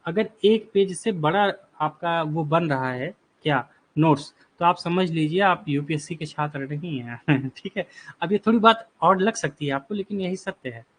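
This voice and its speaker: Chatty teacher with a fairly high voice. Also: male voice. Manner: reassuring, repeats "ठीक है" and "बिल्कुल" while reading out student replies; explains terms slowly, asking and answering his own questions. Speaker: online exam-prep teacher. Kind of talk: live online class lecture.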